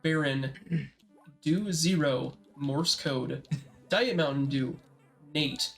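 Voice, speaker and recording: A man's voice: on the high side, takes it slowly, creaky, a bit bright, faint music behind. A man chatting casually on a podcast, rambling and reading out a long list. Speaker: podcast co-host. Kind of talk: casual chat.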